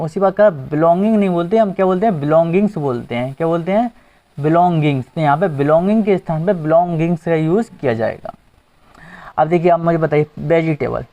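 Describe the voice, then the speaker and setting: In a slightly high, warm voice, a man teaches grammar for an exam, putting questions to the class and echoing back the answers. The audio quality is dull and lo-fi.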